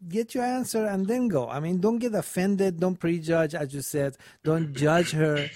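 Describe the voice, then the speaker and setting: Brisk man giving dating advice, dry sound. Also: high voice, a little mellow, dry recording. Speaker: dating talk panelist. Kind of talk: casual advice chat.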